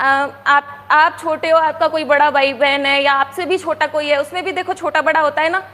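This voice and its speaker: Lady teacher talking to little kids, keeps asking right?, counts slow, classroom echo. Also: sits high, a bit bright. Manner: coaxing, asks "right?" often, counts aloud slowly. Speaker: primary school teacher. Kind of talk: explaining to young children. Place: classroom with a board.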